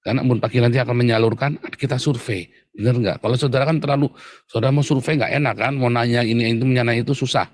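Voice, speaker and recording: A man's voice: medium pitch, steady tone, fast, dry recording. Male preacher, everyday conversational sermon, mid-range voice, recorded dry. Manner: conversational, repeatedly addressing listeners as brothers and sisters.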